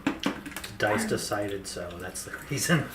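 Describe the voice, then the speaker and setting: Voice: low-pitched, animated, a little slow, far from the mic. Unsure-sounding player thinking aloud, echoey noisy room. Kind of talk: casual tabletop chat.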